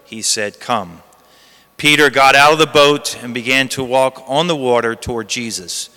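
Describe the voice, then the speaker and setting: This priest's bright, forceful, smooth voice sits at medium pitch and moves at a normal speed. He reads the gospel and preaches with emphasis and repeated phrases, the sound ringing through the long echo of a big church.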